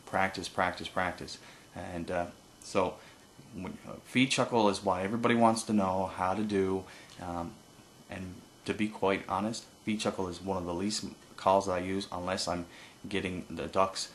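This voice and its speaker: A man giving an informal hands-on tutorial as an instructor, explaining haltingly with pauses and no script. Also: low-pitched, steady tone, a little hiss or hum. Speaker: duck-calling instructor.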